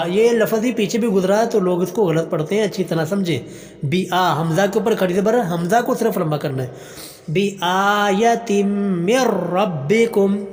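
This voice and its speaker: A man teaching Quran pronunciation, chanting verses slowly and melodically, then explaining each letter quickly in plain speech. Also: high voice, a little mellow, big-room sound. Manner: slow melodic recitation alternating with quick explanation.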